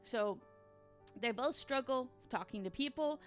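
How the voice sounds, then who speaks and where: A woman ranting casually through a fan theory, rambling and animated, with emphatic asides and casual swearing. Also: on the high side, unhurried, faint music behind. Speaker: video game fan theorist.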